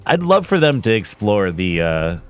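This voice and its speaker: A man's voice: lowish voice, big pitch swings, moderate pace, clean tone. A man giving casual, rambling commentary on a game, informal and sweary like an enthusiastic fan. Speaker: video game reactor and commentator. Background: game music and artillery fire.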